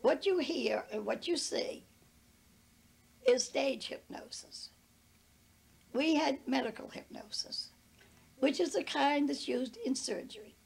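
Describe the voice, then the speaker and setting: A woman's voice: sits high, slow pace, creaky, long pauses. An older woman with a New England accent, being interviewed and retelling an anecdote at length in a casual, earnest way. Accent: New England American.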